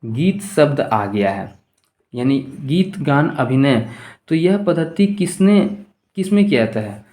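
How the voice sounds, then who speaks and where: A man with a fairly high voice teaches an exam-prep lesson. He reads questions aloud, then explains them with rhetorical questions to the class. His pace shifts between slow, stretched-out words and quick bursts. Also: expressive, warm tone. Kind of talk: exam-prep lesson going through multiple-choice questions.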